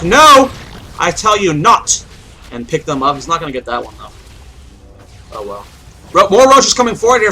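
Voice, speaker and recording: A young man calls a video game match alone, his voice pitched high and bright. He rambles, thinks aloud and restarts his sentences, with a faint hiss underneath. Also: low-quality recording. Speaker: game caster. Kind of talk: esports play-by-play commentary.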